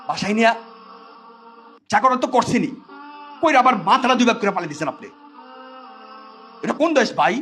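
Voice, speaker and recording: A man's voice: high voice, bright, forceful tone. A man, a father, speaking, with bitter mock-pleading sarcasm and repeated refrains. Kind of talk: sarcastic social commentary.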